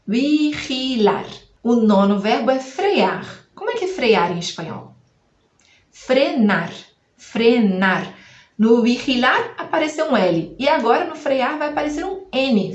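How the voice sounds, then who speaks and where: A woman with a fairly high voice teaches a language lesson straight to the viewer. She asks questions, then repeats each word slowly and clearly. The room gives her voice a noticeable echo. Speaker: Spanish teacher.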